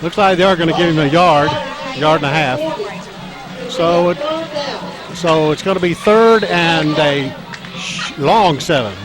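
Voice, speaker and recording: A play-by-play announcer, a man with a strained and scratchy voice, covers a high school football game in a halting way, heavy on fillers. He perks up as runs break open, while the crowd and band music carry on below.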